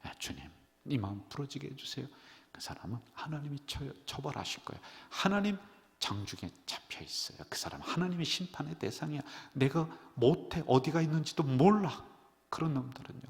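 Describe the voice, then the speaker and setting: A middle-aged man preaching in a church, his voice worn and subdued, leaping up to loud cries and dropping to near-whispers. His pitch swings widely as he talks. The sanctuary rings with a long, trailing reverb. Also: lively intonation, a little fast, creaky. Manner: emotional, swinging from loud exclamations to hushed whispers. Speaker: senior pastor. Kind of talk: sermon at a midweek prayer service.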